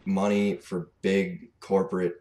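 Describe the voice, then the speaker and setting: Deep, darkish and level, the voice of this 17-year-old Canadian-accented gaming commentator from Alberta takes things slowly. He rants off the cuff in a blunt, exasperated, sweary way, and the home recording is clearly noisy.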